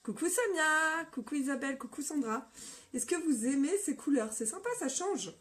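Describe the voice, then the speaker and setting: High-voiced slightly hoarse woman hosting a live. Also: expressive, normal speed, a bit bright. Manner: upbeat, greets viewers by name. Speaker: live makeup tutorial host. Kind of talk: casual live-stream chat and makeup demo. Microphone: phone.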